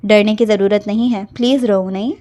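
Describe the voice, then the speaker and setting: A woman's voice: medium pitch, fairly even intonation, mellow, lightly acted. A woman voicing a caring young woman who soothes her friend and prays earnestly in a storybook reading. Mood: soothing. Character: caring young woman, elder-sister type.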